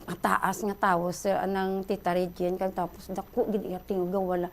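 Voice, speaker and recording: A middle-aged Filipina with a Hiligaynon accent, calling in to a radio show and excitedly retelling a story. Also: female voice, mid-range voice, normal speed, slight background noise. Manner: excited, breathless retelling, addresses host often. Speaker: caller.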